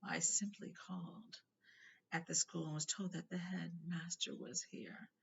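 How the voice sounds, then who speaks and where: A woman voicing a cold, sneering aristocratic man in a storybook, with a smooth, lazy and condescending drawl. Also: fairly low pitch, level tone, a little slow, fairly bright tone, full character voice. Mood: smug, sneering. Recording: noisy, dull home recording.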